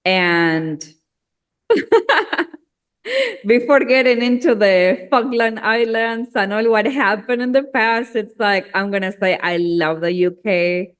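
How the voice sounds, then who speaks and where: Slow-talking, laughing Argentine-born woman. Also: mid-range voice. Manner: chatty, laughs often, slow and unhurried. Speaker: singer-songwriter guest. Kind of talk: casual interview chat.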